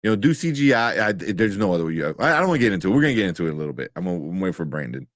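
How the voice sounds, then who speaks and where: A young man co-hosting a live pop-culture chat show, relaxed and rambling with restarts. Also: low voice, racing, dry recording, clean studio sound. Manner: laid-back, rambling with restarts and laughs. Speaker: co-host of live nerd news show. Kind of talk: casual chat.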